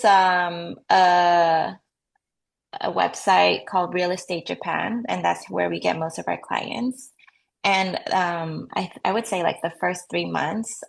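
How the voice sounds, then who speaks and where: Talking as a guest about being a real estate agent, a thirty-something woman who grew up in the US keeps things casual, sprinkling in "like" and light laughter in her interview answers. She has a fairly low voice with vocal fry.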